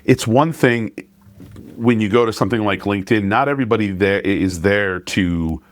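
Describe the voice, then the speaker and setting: A man's voice: on the low side, normal speed, no echo. A middle-aged man hosting a podcast, talking in a thoughtful, hesitant way in a casual interview. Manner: hesitant, many fillers and restarts, thoughtful. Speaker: podcast host.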